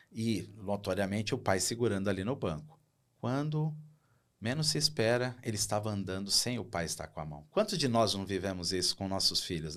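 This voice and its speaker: A middle-aged man, a podcast guest, telling a story with feeling and acting out the people in it. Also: mid-range voice. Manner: lively storyteller who acts out quoted dialogue. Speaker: guest, operations director.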